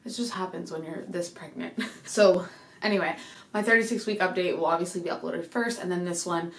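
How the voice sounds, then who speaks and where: Briskly and in a fairly low voice, a young home vlogger chats casually to camera about her pregnancy, meandering a lot. A bit out of breath and heavy on fillers, she's recorded through a desk microphone with a reverberant sound.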